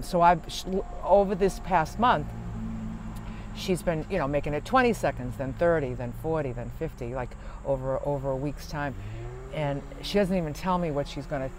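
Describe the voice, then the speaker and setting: Man, van-life vlogger, higher register, loose rambling delivery with fillers; faint vehicle noise behind. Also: normal speed. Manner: rambling, chatty, many fillers and restarts. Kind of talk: casual chat to camera. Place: parked van at a rest stop.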